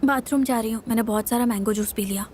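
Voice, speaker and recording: A woman's voice: fairly high pitch, steady tone, fast, darkish tone, slight background noise, natural voice. A woman dubbing a curious, chirpy young woman, in a dubbed drama. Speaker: dub actor.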